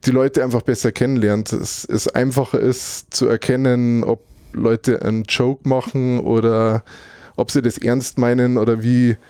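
A German man co-hosting a podcast gives a casual conversational recap, thinking aloud, rambling thoughtfully and often searching for words mid-sentence. His mid-range voice is warm, flat and unhurried, captured dry at studio quality.

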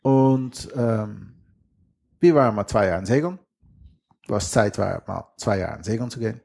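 A man's voice: on the low side, animated, unhurried, creaky, darkish tone. A middle-aged man with a strong Dutch accent, a guest in a casual interview, speaking German plainly with grammar slips. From western Netherlands. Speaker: guest, lifelong sailor.

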